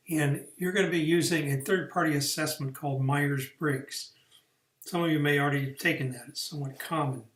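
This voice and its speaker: A man's voice: fairly high pitch, fairly bright tone, roomy sound. A man, working as a career coach, explaining the steps of an online training lesson in an unscripted way, with fillers and restarts.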